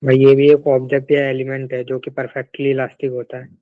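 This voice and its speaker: Brief: male student on a patchy online call, thin phone-like sound, dry, flat delivery. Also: medium pitch, fairly quick, no echo. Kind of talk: casual classroom reply.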